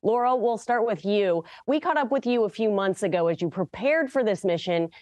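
An American woman interviews in a morning news style. Her mid-pitched voice is recorded very dry, with no room sound. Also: animated, moderate pace, darkish tone, dry recording.

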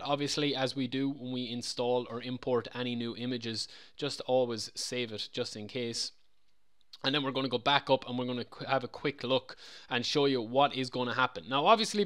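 Brief: casual male tutorial presenter, mid-pitch, loose and repetitive delivery. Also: a bit bright. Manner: chatty, loose, repeats himself. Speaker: game modding tutorial presenter. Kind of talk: casual screen-recorded tutorial.

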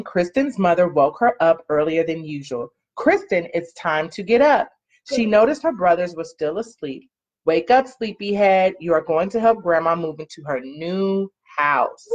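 Her voice is on the low side and a little mellow as she reads a storybook aloud to children, parent-like, from her small living-room couch. She stretches key words expressively and invites the young listeners to answer questions, and the sound is muffled and lo-fi from a laptop or webcam mic held at arm's length.

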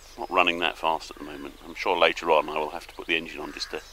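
An older man with a very low, deep voice talks easily to a handheld camera as he drifts down a river in a small boat. His tone is relaxed and chatty, as if thinking out loud. Birdsong and open-air river sounds come through clearly around him. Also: rapid-fire, a little hiss or hum, low-quality recording. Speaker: solo small-boat voyager. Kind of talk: casual travel vlog commentary. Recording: outdoor birdsong and river ambience.

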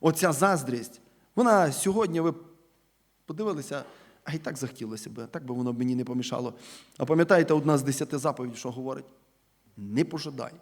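A male preacher gives a sermon in a church, speaking at a mid-range pitch for a man. He leans on rhetorical questions and calls his listeners brothers and sisters. His delivery swings between loud, emphatic stresses and quiet, trailing phrase endings. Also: quick pace. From Ukraine.

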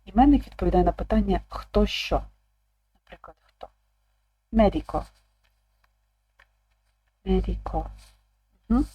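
A woman teacher explaining an online language lesson calmly, repeating each word aloud. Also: medium pitch, slightly rough, lo-fi sound. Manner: calm, slow, repeats words aloud.

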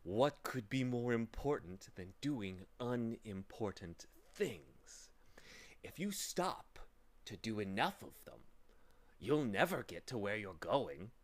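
A man's voice: on the low side, sing-song, slow, heavily acted. A man voicing a sour, gloating demon of petty tasks from a storybook, theatrical and menacing with false sweetness. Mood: sour, dismissive. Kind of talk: storybook character voice.

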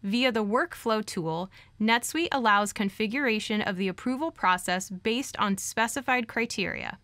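A woman narrating a scripted software product walkthrough in an even, clear instructional manner. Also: medium pitch, moderate pace, no echo. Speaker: software demo presenter.

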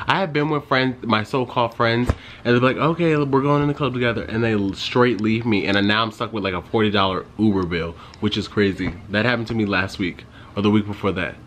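Young man, low voice, rambling chatty vlog talk, phone camera, faint background hum. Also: fairly quick, fairly bright tone. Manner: rambling, chatty storytelling with frequent "like". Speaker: vlogger. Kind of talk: casual vlog chat. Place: in his car, then at home.

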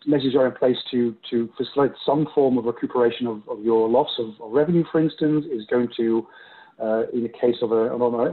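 A middle-aged man, a consultant speaking on a video-call panel, hesitant with many fillers and restarts. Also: medium pitch. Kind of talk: webinar panel discussion. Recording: tinny phone-like video call audio.

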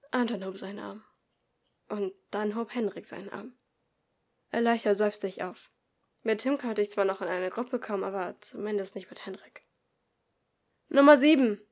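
A woman narrates a first-person story as an amateur audiobook reader. Her delivery is expressive, and she drops to a soft whisper for the narrator's inner thoughts. Her voice sits at an ordinary pitch for a woman.

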